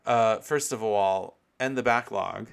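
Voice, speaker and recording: With a fairly low, clear, resonant voice edged with vocal fry, this podcast host speaks slowly. He rambles through a casual solo monologue in a candid, profane, campy style, laughing along the way.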